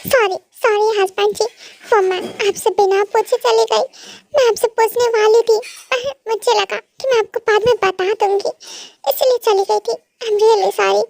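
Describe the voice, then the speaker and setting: A woman's voice: extremely high pitch, steady tone, moderate pace, gravelly, darkish tone, no room sound. A woman voicing a frightened young wife in an amateur fan dub, pleading tearfully and stammering.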